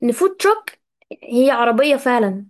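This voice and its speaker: High-voiced Egyptian woman teaching English. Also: big pitch swings. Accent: Egyptian Arabic. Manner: repeats English words slowly to drill pronunciation; chatty, addresses students directly. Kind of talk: casual live vocabulary lesson.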